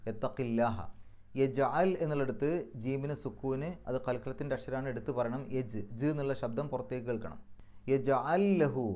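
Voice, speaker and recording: A man teaching Quran recitation rules in a methodical lesson, slowing down to recite and stretch example phrases. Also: mid-range voice, warm tone. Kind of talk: tajweed lesson.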